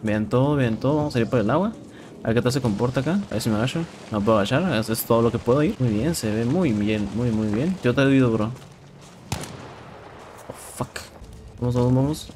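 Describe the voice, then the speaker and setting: Young man, Mexican accent, excitable gameplay commentary, repeats himself, clear game noise behind. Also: mid-range voice, fast. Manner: excitable, swears a lot, repeats words. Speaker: gameplay streamer. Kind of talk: casual live game commentary. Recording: game sounds and noise in background.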